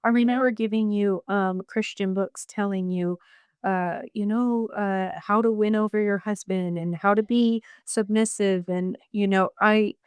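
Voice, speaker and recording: A woman's voice: mid-range voice, fairly even intonation, unhurried, clean tone, dry recording. A woman hosting a podcast, listening closely and chiming in to affirm her guest. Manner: attentive, affirming with frequent murmurs. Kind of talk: casual chat, supportive listening.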